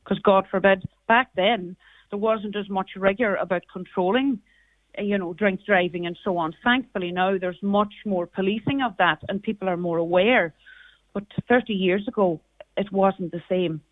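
Calling in by phone from Carrigart in County Donegal, Ireland, a middle-aged woman with a Donegal accent recalls personal experience as a radio interview guest. Her mid-range voice moves at a moderate pace, and the dry recording comes through a narrow, tinny phone line.

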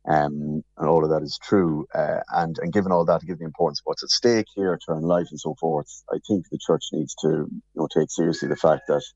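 A man's voice: extremely low pitch, fairly even intonation, darkish tone. A man giving careful, hesitant commentary as a radio interview guest from his office, with an alarm beeping behind him. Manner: measured, hesitant, careful explaining. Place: office, on a remote link. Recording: muffled, echoey office, husky-sounding remote link.

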